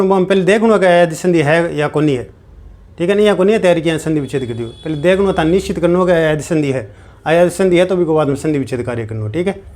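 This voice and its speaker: A man's voice: fairly high pitch, darkish tone. A man teaching a grammar lesson, repeating each step and answering his own questions. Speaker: Sanskrit teacher.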